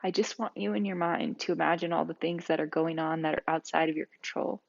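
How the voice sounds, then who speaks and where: Woman yoga instructor, calm and soft-spoken, low voice with vocal fry, dull lo-fi recording. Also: fairly quick. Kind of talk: guided yoga and breathing class.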